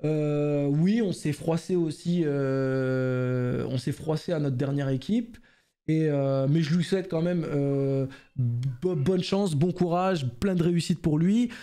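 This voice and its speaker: Chatty man with a mellow voice. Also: a little high, takes it slowly. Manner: chatty, many fillers and restarts. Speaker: esports news host. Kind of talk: casual esports news commentary.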